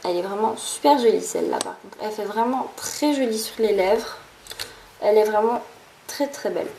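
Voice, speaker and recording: A woman's voice: mid-range voice, normal speed, creaky, dark tone, a little hiss or hum, rough recording. A young woman chatting through a beauty haul in a casual vlog, rambling with lots of fillers and restarts. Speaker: beauty vlogger.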